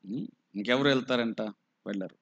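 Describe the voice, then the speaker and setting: A man with a Telugu accent, preaching a slow, emphatic sermon full of rhetorical questions. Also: mid-range voice, vocal fry, a bit bright, breathy edge, dull audio. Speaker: pastor.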